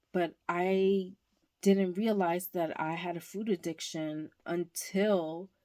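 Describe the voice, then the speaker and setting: A woman talking candidly in a casual home vlog, hesitant and pausing often. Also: on the low side, warm tone. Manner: candid, slow and hesitant with many pauses. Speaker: vlogger. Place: indoors at home, under a blanket.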